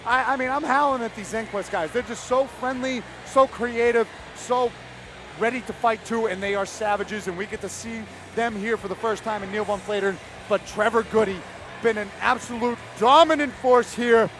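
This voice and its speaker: A man calls a fight live from cageside, his voice high and hyped. He commentates emphatically, with clear venue noise behind him. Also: moderate pace. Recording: noisy live venue ambience.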